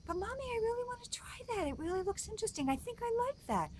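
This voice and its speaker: A woman's voice: very high-pitched, big pitch swings, fast talker, darkish tone, a little hiss or hum, voice pushed up. A woman voicing an eager small boy begging his mother for an ice cream flavor. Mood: pleading. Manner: eager, wheedling.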